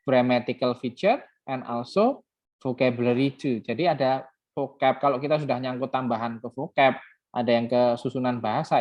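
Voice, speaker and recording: Indonesian-accented male lecturer, lo-fi sound. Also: mid-range voice. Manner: switches between Indonesian and English, halting restarts, quizzes the class. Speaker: university lecturer. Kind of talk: classroom lecture. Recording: dull lo-fi recording.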